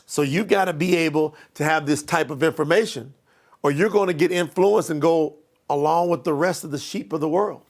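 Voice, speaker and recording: A man giving an emphatic, preachy motivational training talk as a life coach. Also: fairly high pitch.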